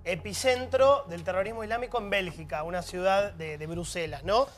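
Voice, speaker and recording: A man with a Rioplatense accent, hosting a televised panel discussion in a studio and reeling off facts one after another. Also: sits high. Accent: Rioplatense Spanish. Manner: lists facts in quick succession. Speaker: panel show host.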